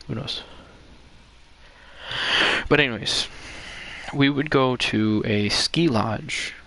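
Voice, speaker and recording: A young man hosting a podcast, telling a story in casual chat with lots of swearing and shouted reenactments. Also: mid-range voice, takes it slowly, vocal fry. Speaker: podcast host.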